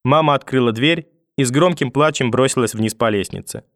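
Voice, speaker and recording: A man narrating a story in a measured, expressive reading. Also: medium pitch, dry recording, clean studio sound.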